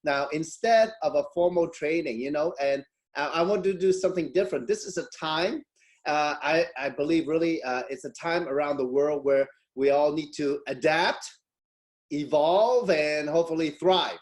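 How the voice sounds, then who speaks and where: A man's voice: fairly high pitch, normal speed. A middle-aged man from Hong Kong hosting an online webinar over a video call, chatty and full of fillers and restarts. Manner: chatty, many fillers and restarts, frequent laughs. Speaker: webinar host.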